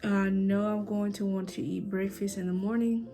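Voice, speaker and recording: A young woman talks casually to her vlog audience in an informal, chatty way. Her voice has a noticeable creak and sits at a medium pitch, with music playing behind her. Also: steady tone, moderate pace, warm tone. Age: young adult. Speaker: vlogger. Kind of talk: casual vlog chat to camera.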